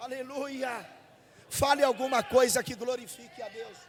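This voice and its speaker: A Brazilian man preaching a fervent Pentecostal sermon into a handheld mic at a church service, shouting and repeating phrases for the congregation. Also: very high-pitched, normal speed, big-room sound. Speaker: pastor. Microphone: handheld microphone.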